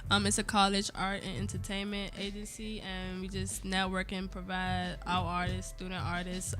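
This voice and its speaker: A woman who co-runs an arts agency, describing it in a steady, businesslike way as a guest. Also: on the low side. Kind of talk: casual interview chat.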